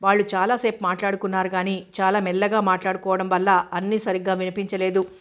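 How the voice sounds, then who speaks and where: A woman's voice: medium pitch, little pitch movement, fast, a bit bright, lightly acted. A woman reading the lines of a fawning male informer who speaks deferentially and conspiratorially, in a storybook reading.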